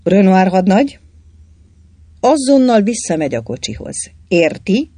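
A reader voicing a bold, mysterious man who gives brisk orders, in a storybook reading. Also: mid-range voice, very animated, warm tone, slightly rough, no echo. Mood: commanding.

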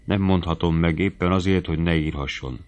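A man doing a coaxing young gentleman suitor. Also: low-pitched, steady tone, lightly acted. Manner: soft, coaxing murmur.

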